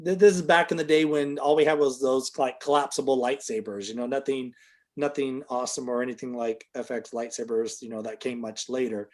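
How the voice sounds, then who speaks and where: A man's voice: mid-range voice, steady tone, fairly quick, a little mellow. A middle-aged man telling a long, casual story as an interview guest, full of fillers, and livelier when he quotes other people.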